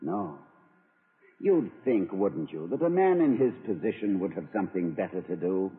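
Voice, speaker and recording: An actor playing a whimsical, pompous middle-aged college president, talking in playful, flowery phrases in a 1940s radio comedy. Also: male voice, low-pitched, expressive, normal speed, breathy edge, full character voice. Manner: grandiloquent, playful, poetic flourishes. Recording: tinny old radio broadcast.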